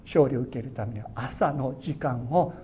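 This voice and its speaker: A man's voice: normal speed, darkish tone. A man preaching a sermon as a pastor, earnest and exhorting, his voice swelling on key words. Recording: dull lo-fi sound with faint rumble.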